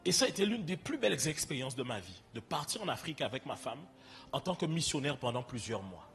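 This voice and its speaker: Antillean guy preaching, kinda high voice, chatty storytelling sermon, faint music behind. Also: fairly bright tone. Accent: French Caribbean (Antillean). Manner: conversational, storytelling, addresses listeners directly. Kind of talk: sermon with personal testimony.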